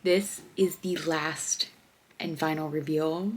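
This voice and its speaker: A woman's voice: low-pitched, steady tone, takes it slowly, a little hiss or hum. A young woman in a casual, candid vlog voice-over. She is chatty and pokes fun at herself, and she has a runny nose. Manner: chatty, candid, self-deprecating. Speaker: vlogger.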